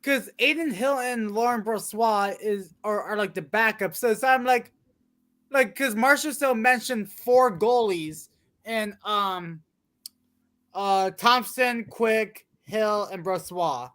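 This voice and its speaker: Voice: mid-range voice, slow, a bit bright. A co-host in casual sports chat, talking hesitantly with many restarts and fillers.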